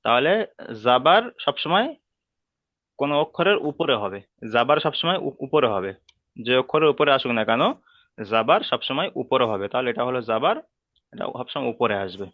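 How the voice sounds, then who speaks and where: A man teaching letter sounds in an online class, patient and repeating each rule slowly. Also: medium pitch, lively intonation, no echo, lo-fi sound. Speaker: Quran reading teacher.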